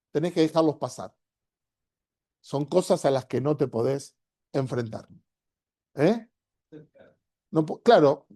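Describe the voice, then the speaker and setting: Rioplatense rabbi teaching, mellow voice. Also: male voice, fairly high pitch. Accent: Rioplatense Spanish. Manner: conversational, checks in with frequent "¿sí?"; acts out inner voices while explaining.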